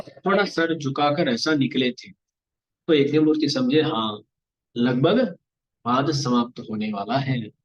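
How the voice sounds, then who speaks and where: A man telling a devotional story of a saint in a lively discourse, acting out the dialogue. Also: fairly high pitch. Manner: animated, acts out dialogue of saints and God. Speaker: religious storyteller. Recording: muffled lo-fi recording.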